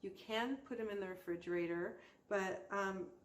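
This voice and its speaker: Her voice is medium-pitched and her pace normal as she hosts a soap-making channel's casual crafting tutorial, explaining informally step by step while she works. Roomy echo and faint background noise come through in the recording.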